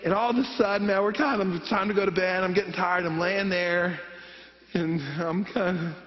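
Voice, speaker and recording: Pastor, man, high voice, storytelling sermon; dull, reverberant hall sound. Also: steady tone, moderate pace, a little hiss or hum. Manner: storytelling, acts out voices of himself and his mom. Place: church sanctuary.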